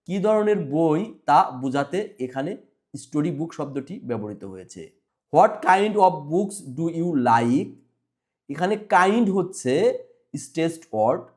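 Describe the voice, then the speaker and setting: A man teaching a school English lesson, reading English lines very slowly and explaining them in Bengali. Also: on the high side.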